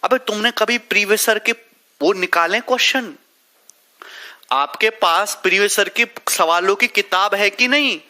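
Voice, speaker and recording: A man's voice: high voice, normal speed, bright, forceful tone. A male math teacher, leading a live online class, working through sums step by step and teasing students by name.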